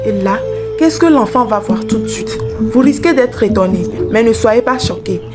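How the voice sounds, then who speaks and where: A woman narrates a moral folk tale, turning often to address her audience. Her voice sits slightly high in pitch. Music plays clearly underneath. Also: animated, moderate pace. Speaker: storyteller.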